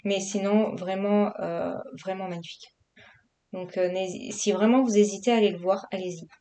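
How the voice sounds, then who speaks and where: A coloring vlogger from Marseille in southern France chats casually, rambling with lots of fillers. Her mid-range voice is steady and dark in tone, at a normal speed.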